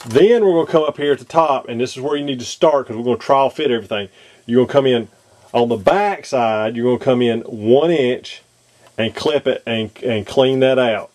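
A man's voice: mid-range voice, darkish tone. Guy at his workbench explaining a model build, lots of ums and restarts, camera mic. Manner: hesitant, many ums and restarts. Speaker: model kit maker demonstrating installation. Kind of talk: casual how-to demonstration.

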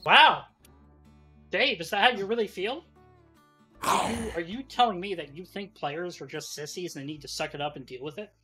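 A podcast host in a casual show chat, playful and animated, laughing often. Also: mid-range voice, a little fast, music in the background.

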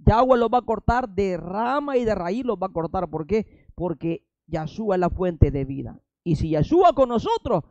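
A man's voice: high voice, sing-song, moderate pace, hardly any pauses, darkish tone, no echo, muffled recording. A man preaching a fiery sermon with a Salvadoran Spanish accent, firing rhetorical questions and breaking in with emphatic interjections.

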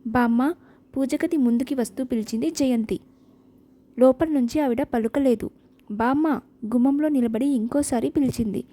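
A woman narrating an audiobook novel with a steady, expressive reading. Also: high voice, normal speed.

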